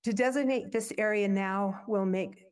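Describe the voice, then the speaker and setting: A woman's voice: medium pitch, normal speed. An older woman and former landmarks board chair calls in remotely over a video link and reads an earnest, formal public comment that includes a long quoted passage. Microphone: remote video call.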